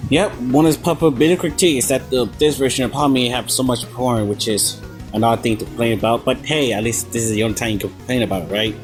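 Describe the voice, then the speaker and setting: Speaking at a quick pace in a mid-range voice, this man offers sarcastic, lightly profane video review commentary as a video essayist. Background music runs beneath his voice.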